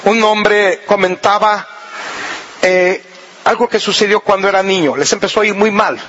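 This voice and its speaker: A man's voice: high voice, moderate pace, fairly bright tone, muffled recording. A man preaching a sermon in a folksy, humorous way, acting out little scenes as he teaches.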